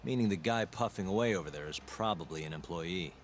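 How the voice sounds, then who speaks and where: An actor playing a cocky, laid-back private detective in a video game, talking in a sardonic, unbothered way. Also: male voice, sits low, fast talker, slight background noise, lightly acted. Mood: dry, unbothered.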